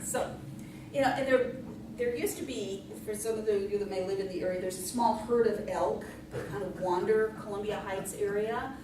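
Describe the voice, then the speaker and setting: A woman's voice: mid-range voice, moderate pace. A middle-aged woman telling a folksy tall tale live, in a conversational, tongue-in-cheek way. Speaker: storyteller in a tall tales contest. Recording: echoey room from far off, noisy.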